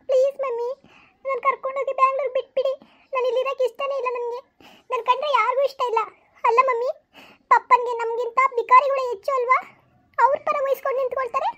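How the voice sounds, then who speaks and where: A woman's voice: extremely high pitch, a bit bright. A woman voicing a tearful young daughter who whines, sobs and pleads in a family skit. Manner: whining, pleading, sobbing complaints.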